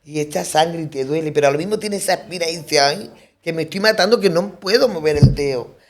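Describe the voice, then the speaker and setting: A woman's voice: sits low, a little fast. A middle-aged woman, a guest on a radio talk show, telling a story in conversation and acting out the lines of the people in it, with frequent restarts and emphatic repeats. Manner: lively storyteller who acts out quoted dialogue; rambling, with restarts and emphatic repetitions. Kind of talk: round-table conversation, anecdote telling.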